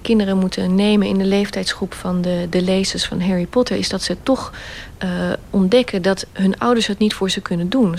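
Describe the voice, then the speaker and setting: Woman explaining in a measured way. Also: medium pitch, a little mellow, a little hiss or hum. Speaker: commentator. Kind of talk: reflective radio commentary.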